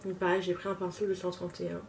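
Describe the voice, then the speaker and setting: A chatty beauty vlogger does her makeup on camera at a makeup table at home, talking fast in a lowish, slightly mellow monotone. She pokes fun at herself while she works in this casual tutorial chat, picked up by a distant mic with clear room noise.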